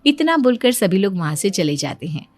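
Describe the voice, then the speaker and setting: Woman narrating a story, medium pitch. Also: very animated, moderate pace, darkish tone.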